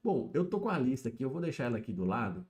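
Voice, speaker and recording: A man's voice: mid-range voice, sing-song, rapid-fire, darkish tone. A man chatting casually alone on a live stream, explaining things and checking in with his viewers. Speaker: YouTube streamer. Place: home setup, alone.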